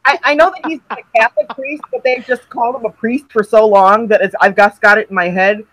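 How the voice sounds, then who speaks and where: A woman's voice: fairly high pitch, fairly even intonation, fairly quick, a bit bright, rough recording. A woman chatting casually with friends about a TV show, chatty and self-deprecating. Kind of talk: casual fan chat.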